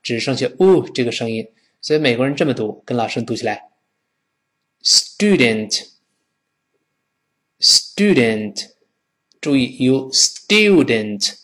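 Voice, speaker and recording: A man teaching English pronunciation with a Mandarin Chinese accent, modelling sounds in a lively, demonstrative way. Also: mid-range voice. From China. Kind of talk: recorded language lesson.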